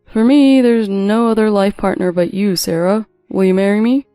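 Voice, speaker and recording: Calm, smooth-talking manipulative young man, mellow tone, mid pitch, voiced by a woman narrator. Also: normal speed, no echo, clean studio sound, soft background music, lightly acted. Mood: charming. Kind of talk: story narration with voiced quotes.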